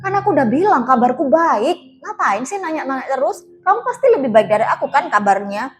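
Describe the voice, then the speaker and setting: A woman voicing a hurt, bitter married woman who fires sharp, reproachful questions. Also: sits high, sing-song, brisk, soft background music. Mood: annoyed.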